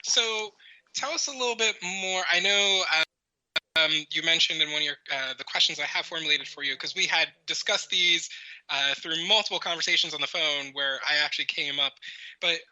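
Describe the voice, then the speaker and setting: A male podcast host rambles through his questions with restarts and fillers. His voice is very bright and edgy and sits a little high. The sound is dry and a bit dull. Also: moderate pace, dry recording. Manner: rambling, many fillers and restarts, sudden high laughing bursts. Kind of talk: casual interview hosting.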